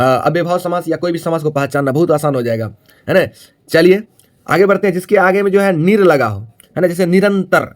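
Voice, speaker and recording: Higher-pitched guy teaching grammar, asks and answers his own questions, keeps checking in with the class. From Bihar, India. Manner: repetitive, asks questions and answers them himself; frequent tag question "है ना". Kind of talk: classroom-style video lesson.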